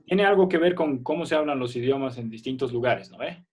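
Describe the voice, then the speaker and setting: A man's voice: mid-range voice, a little fast, breathy edge. A man teaching a primary school class on a video call, patient and checking that students follow. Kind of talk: online class explanation.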